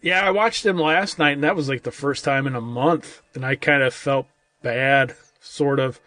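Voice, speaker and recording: A man's voice: medium pitch, steady tone, moderate pace, sharp tone, no echo. A man co-hosting a casual movie-review podcast, rambling and loose, with lots of "like" and "I mean". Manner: rambling, full of "like" and "I mean", restarts a lot. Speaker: podcast co-host.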